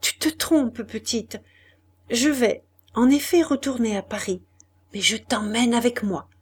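A woman's voice: fairly high pitch, measured pace, husky. A woman voicing a grown man who speaks tenderly and reassuringly in a storybook reading.

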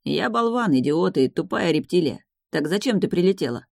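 A woman voicing a gentle, lovesick shapeshifting man in an audiobook reading, speaking slowly, softly and tenderly. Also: fairly low pitch, expressive, vocal fry, no room sound, clean studio sound. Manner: slow, soft and tender delivery.

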